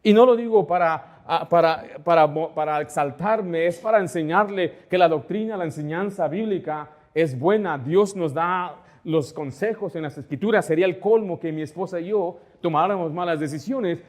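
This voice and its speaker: A man's voice: a little high, moderate pace, few pauses, darkish tone. A middle-aged man, a pastor, preaching a sermon, asking his listeners rhetorical questions and acting out the dialogue in his stories. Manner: asks the congregation rhetorical questions; acts out dialogue within anecdotes.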